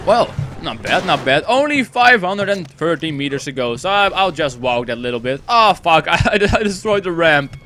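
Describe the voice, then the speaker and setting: A man's voice: a little high, very animated, normal speed, hardly any pauses, bright, forceful tone, slight background noise. A young man from the Netherlands giving goofy, rambling let's-play commentary, swearing a lot and breaking into silly singing. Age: young adult. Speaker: gaming channel host.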